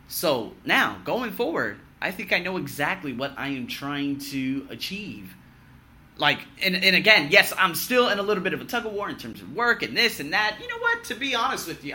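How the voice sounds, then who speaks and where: A vlogger in his thirties delivers an animated personal recap of his year directly to camera, his voice very bright and slightly high for a man. It climbs sharply for punchlines and dips for asides as he swings between loud boasts and low muttering, blunt and cursing freely. Slight background noise is present.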